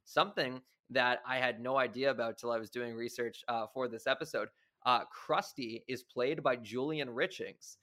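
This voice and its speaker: A man's voice: mid-range voice, steady tone, normal speed, sharp tone. A man hosting a podcast, talking through details in an enthusiastic, analytical way in casual chat. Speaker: podcast host.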